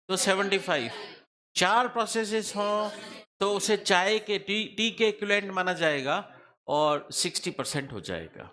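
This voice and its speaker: Bright, high-voiced male tax teacher. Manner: repeats key figures, quizzes the class with questions. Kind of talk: classroom lecture.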